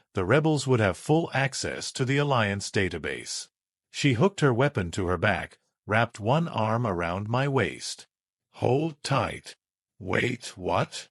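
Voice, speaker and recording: A man reading a first-person sci-fi story aloud in a measured, dramatic way. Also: medium pitch, no echo, studio quality. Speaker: narrator.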